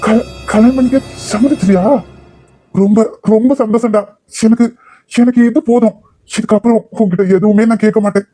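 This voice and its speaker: A man's voice: high voice, fairly even intonation, fairly quick, warm tone, breathy edge, no echo, faint music behind. Man doing a sly coaxing older uncle. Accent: Kanyakumari Tamil. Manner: teasing, guilt-tripping. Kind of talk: cartoon voice acting.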